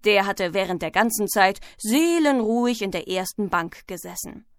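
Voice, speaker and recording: A woman reading a children's storybook aloud, clear and even. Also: medium pitch, moderate pace, dry recording, studio quality. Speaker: narrator.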